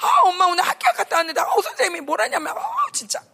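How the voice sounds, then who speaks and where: A woman's voice: very high-pitched, wildly swooping pitch, quick pace, gravelly, pushed and bright, pitched above the performer's own voice, exaggerated voice. A woman preacher playing a sulky, defiant teenager who complains and whines. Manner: whiny, complaining.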